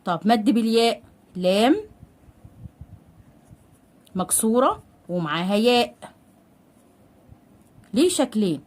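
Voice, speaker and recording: A woman with an Egyptian Arabic accent teaching a literacy lesson step by step. She stretches out syllables slowly and asks questions that she then answers herself. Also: fairly high pitch, lively intonation, a little mellow. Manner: patient, drawn-out sounding out of syllables.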